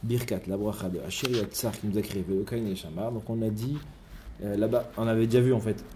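Man teaching a Torah study lesson, mellow voice. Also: fairly low pitch, steady tone, quick pace, a little hiss or hum. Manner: explains step by step, mixing in many Hebrew terms.

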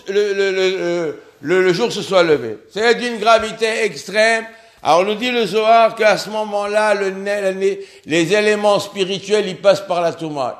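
A man with an unusually high-pitched voice delivers a religious lesson. He speaks earnestly, pressing hard on key words, and often breaks off to restart or repeat himself mid-thought. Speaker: religious teacher.

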